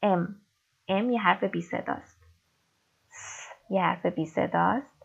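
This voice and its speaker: A woman teaching English in a recorded lesson, explaining step by step and reading example sentences slowly. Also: on the low side, creaky, husky. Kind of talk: recorded online language lesson. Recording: dull lo-fi recording.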